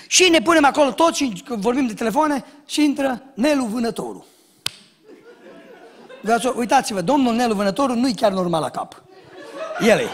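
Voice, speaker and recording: A male pastor delivers a sermon in a high, bright voice. He swings freely up and down in pitch. He tells jokes and acts out the people in his stories with shouted lines. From Romania. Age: young adult. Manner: animated storytelling, acts out shouts and dialogue, jokes.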